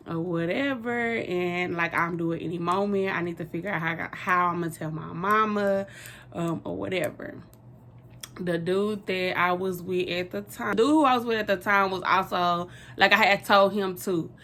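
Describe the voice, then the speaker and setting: A woman's voice: fairly low pitch, a bit bright, a little hiss or hum. A young woman, telling a personal story in a rambling, casual way with lots of fillers.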